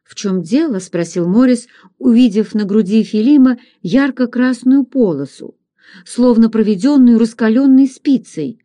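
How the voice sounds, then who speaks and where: A woman narrating an adventure novel aloud in a steady, measured storytelling manner. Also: a little high. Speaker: audiobook narrator. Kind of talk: scripted narration.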